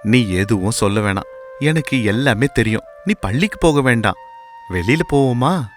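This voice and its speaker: A man voicing a calm, kind village potter father who speaks in a slow, reassuring way. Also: mid-range voice, faint music behind, natural voice. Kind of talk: storybook voice acting.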